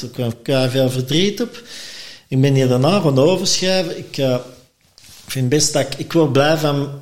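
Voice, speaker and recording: A man from Antwerp with a Flemish accent, a podcast guest telling personal stories in lively conversation and acting out the voices he quotes. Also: on the high side. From Antwerp, Belgium.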